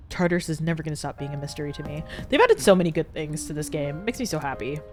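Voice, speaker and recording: Brief: young woman streamer, bubbly and chatty, animated voice. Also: low-pitched, fast talker, soft background music. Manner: bubbly, giggly, chatty with viewers. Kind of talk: casual game-stream chat.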